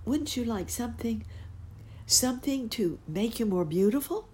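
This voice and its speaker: A woman's voice: fairly high pitch, animated, moderate pace, dark tone, pitched above the performer's own voice, lightly acted. A woman voicing a small, grateful female fairy who pleads earnestly and eagerly.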